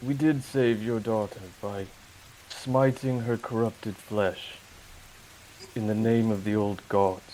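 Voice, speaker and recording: A man's voice: on the low side, steady tone, slow, dark tone, slight background noise, low-quality recording. A man doing a zealous, preachy holy fighter. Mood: righteous. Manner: preachy, condemning. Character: zealous pious male fighter.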